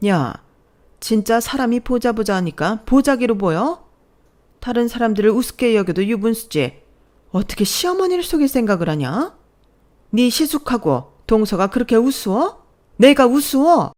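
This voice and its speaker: A woman voicing a furious older mother-in-law who berates her daughter-in-law in a loud, scolding voice. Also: mid-range voice, lively intonation, moderate pace, lightly acted. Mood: enraged. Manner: shouting, berating.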